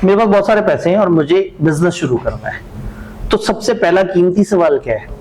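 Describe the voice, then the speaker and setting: A man's voice: sits high, expressive, a little fast, a little mellow, poor audio. A man giving a classroom lecture, talking it through conversationally and posing questions he then answers himself. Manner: conversational, asks rhetorical questions and answers them.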